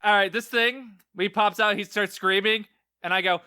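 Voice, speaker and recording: A man's voice: sits high, fairly even intonation, moderate pace, pushed and bright, clear, resonant tone. A man playing in a tabletop game, joking and self-mocking in casual chat. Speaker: player.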